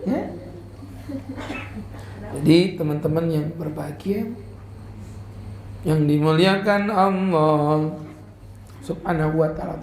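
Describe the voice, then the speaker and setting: A man preaching a humorous religious lecture, lively and joking, who switches between slow chanted recitation and chatty talk. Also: on the high side. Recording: echoey room with faint background noise.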